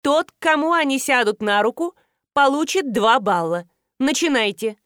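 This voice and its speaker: A woman voicing a brash female TV show host who announces loudly and showily. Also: high-pitched, animated, normal speed, smooth, no echo, studio quality, pitched above the performer's own voice. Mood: instructive. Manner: loud showy announcing.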